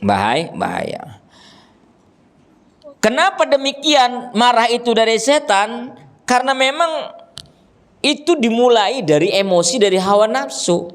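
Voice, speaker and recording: A man preaching a religious lesson to a gathering, animated and joking with the audience, acting out scolding parents. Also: very high voice, measured pace. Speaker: ustadz teaching a religious study group. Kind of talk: sermon. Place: gathering with children and fathers present.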